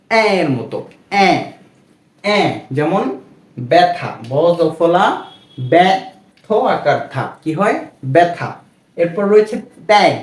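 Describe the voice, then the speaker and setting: A man's voice: fairly high pitch, a little mellow, echoey room. A man teaching a pronunciation lesson, spelling each word out letter by letter and answering his own questions as he goes. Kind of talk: spoken grammar lesson.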